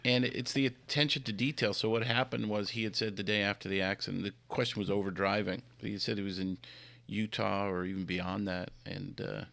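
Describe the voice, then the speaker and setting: A man tells a courtroom story in a flat, gravelly voice. The sound is dry and close. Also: lowish voice, fairly quick, no room sound. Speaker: defense trial lawyer. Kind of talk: panel podcast anecdote.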